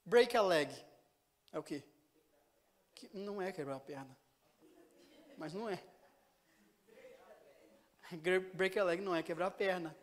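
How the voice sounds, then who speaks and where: A man's voice: high voice, a little slow, pauses often, fairly bright tone. A man with a Brazilian Portuguese accent giving a teaching sermon in a church, talking in a conversational way and explaining with examples and questions to the congregation. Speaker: preacher.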